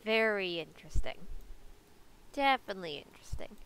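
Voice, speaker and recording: The poor audio captures a young woman, a game video creator, breezily narrating a gameplay guide with plenty of fillers. Her congested voice is medium in pitch, gravelly yet a bit bright, clear and resonant. She keeps a lively intonation at a moderate, upbeat pace.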